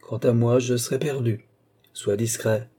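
A man's voice: mid-range voice, fairly even intonation, a little slow, dark tone, husky. A man voicing an aged, mannered court duke who mocks and lectures in an affected, theatrical way. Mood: sly mocking.

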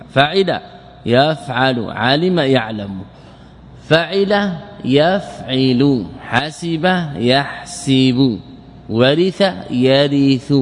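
A man teaching a lesson on Arabic morphology, slowly drilling verb patterns and quizzing his students. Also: a little high, slight background noise. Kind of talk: classroom lecture explaining verse. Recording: hall reverb with faint ambience.

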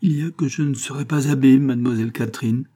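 A man's voice: a little high, sing-song, normal speed, warm tone, husky, voice pushed up. A man reading an audiobook, voicing a plaintive, hungry young student in despair. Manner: plaintive, dismayed.

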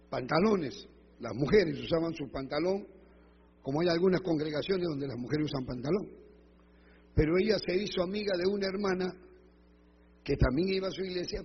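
A male pastor preaching a sermon in church, telling stories and acting out the voices of church members, rising to loud emphatic peaks. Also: fairly high pitch, big-room sound, muffled recording, slight background noise.

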